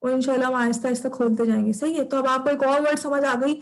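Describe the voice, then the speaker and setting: A woman's voice: high-pitched, flat delivery, fast, rough recording. A woman teaching Arabic grammar in an online class. She repeats each term patiently and checks that students follow.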